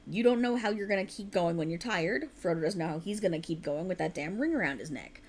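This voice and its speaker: A woman with a fairly low voice talks fast and animatedly in an ASMR girlfriend roleplay, acting as a tired, passionate young writer who rambles and teases. Her tone is earnest and playfully defensive, in an intimate, conversational style.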